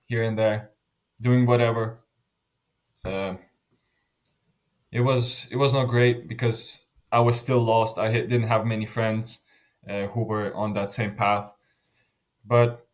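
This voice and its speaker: A Lithuanian man in his twenties, appearing as an interview guest, answers questions earnestly in a voice on the low side. He often restarts his sentences and lets them trail off softly.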